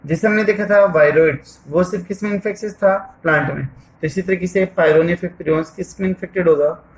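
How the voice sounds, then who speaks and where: A man teaches at the board in Hindi blended with English terms, slowly and with pauses, answering his own questions and frequently repeating "theek hai" as he writes. His high-pitched voice has fairly even intonation. The audio is poor.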